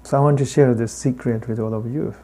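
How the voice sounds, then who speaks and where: A native Tibetan speaker with a heavy accent teaches the dharma, delivering a Buddhist talk in halting, deliberate phrases separated by long pauses. His mid-range voice is steady and warm, with a breathy edge.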